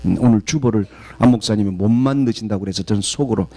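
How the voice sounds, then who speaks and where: A man from southeastern Korea, a guest pastor preaching a sermon and telling stories in an animated way. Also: fairly low pitch, fast talker. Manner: animated storytelling, acts out quoted voices.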